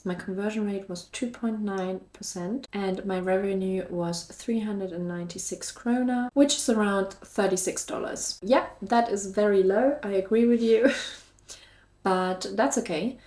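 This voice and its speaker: A woman with a German accent and a medium-pitched, slightly mellow voice chats casually with her viewers as a YouTube host and online shop seller. She's upbeat, encouraging and chatty, recorded in an echoey room.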